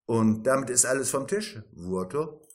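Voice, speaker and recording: A man's voice: mid-range voice, expressive, measured pace, close to an everyday voice. Brief: a man voicing a sly interviewer, pointed and ironic. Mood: probing. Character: probing ironic male interviewer.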